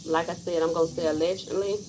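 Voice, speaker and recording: A woman's voice: lowish voice, steady tone, quick pace, noisy background. A woman in her forties, hosting a casual livestream and speaking her mind bluntly and emphatically. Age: 40s. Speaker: livestream host.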